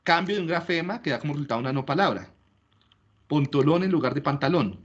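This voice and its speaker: On a muffled recording, a man lectures a class in a fairly high, fairly bright voice with a breathy edge, talking very fast and animatedly. He explains things step by step and keeps checking that listeners follow, often with rhetorical questions.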